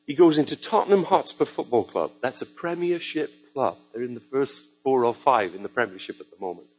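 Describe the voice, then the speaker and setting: A man's voice: medium pitch, brisk, rough recording. A man preaching a sermon to a church congregation, telling stories with joking asides. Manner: lively storytelling with joking asides.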